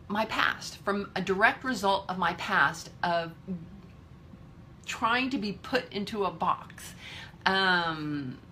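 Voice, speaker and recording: A woman's voice: on the low side, pushed and bright, slight background noise. A woman in her fifties giving a candid, emphatic motivational talk to her viewers, swearing freely. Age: 50s. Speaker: vlogger.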